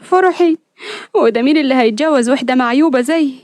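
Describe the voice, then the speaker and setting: A woman voicing a gentle, heartbroken young woman who speaks tearfully. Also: high-pitched, fast talker, no room sound, natural voice. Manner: soft, tearful pleading.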